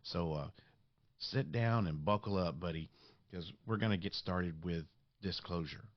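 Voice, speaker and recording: A man hosting a podcast in monologue, with a raspy voice congested by sinus trouble and dramatic, deliberate phrasing. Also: low-pitched, dry recording, highs cut off. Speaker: podcast host.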